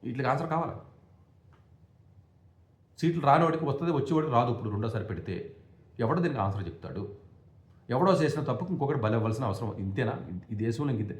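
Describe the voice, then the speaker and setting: A man speaks at a breakneck pace, firing off indignant rhetorical questions and stumbling over restarts. His voice sits at an ordinary pitch. The recording has a roomy echo around it. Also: expressive, racing, pauses often. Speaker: education commentator. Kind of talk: impassioned monologue.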